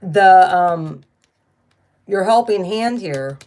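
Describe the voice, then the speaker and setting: A woman's voice: on the low side, lively intonation, drawn-out words, darkish tone. Blunt, chatty woman reading cards. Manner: chatty, blunt, swears when riled. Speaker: tarot card reader. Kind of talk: casual spiritual card reading.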